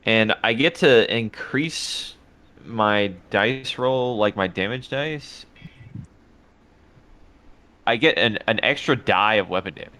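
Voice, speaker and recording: A man's voice: fairly low pitch, slow pace, pauses often, bright, forceful tone. A man playing a warrior in a tabletop game, joking crudely with friends. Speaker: player. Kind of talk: casual tabletop game chat.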